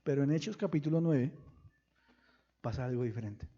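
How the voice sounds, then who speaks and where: A pastor preaching a sermon, firing questions at the congregation and breaking into sudden loud bursts. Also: male voice, medium pitch, normal speed, dull audio. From Colombia.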